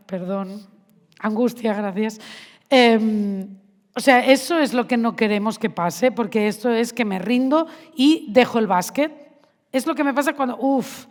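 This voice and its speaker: Woman talking to a room of teachers, kinda high voice, long hall echo. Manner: conversational, asks the audience questions. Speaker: math education speaker. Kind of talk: conference talk to teachers. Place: large hall with audience. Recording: reverberant hall.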